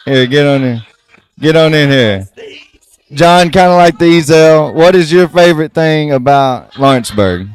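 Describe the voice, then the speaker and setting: A man hosting a podcast, asking people casual questions in a lively, laughing way. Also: fairly high pitch, moderate pace, clean tone. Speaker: podcast host. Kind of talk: casual street interviews.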